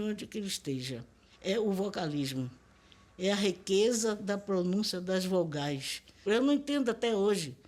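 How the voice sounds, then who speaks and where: A woman's voice: mid-range voice, darkish tone. Older Bahian woman lecturing emphatically. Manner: emphatic, lecturing, asks rhetorical questions. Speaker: linguist interviewee. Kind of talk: documentary interview.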